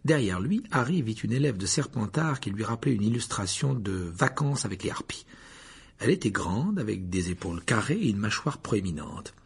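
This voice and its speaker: A man narrating an audiobook with an expressive reading style. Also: fairly low pitch, moderate pace, vocal fry, breathy edge.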